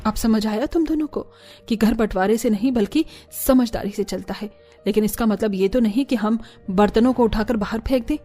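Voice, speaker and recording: A woman's voice: on the high side, fairly quick, dark tone, soft background music, close to an everyday voice. A woman voicing a wise mother-in-law who lectures her daughters-in-law in a cartoon story. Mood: lecturing.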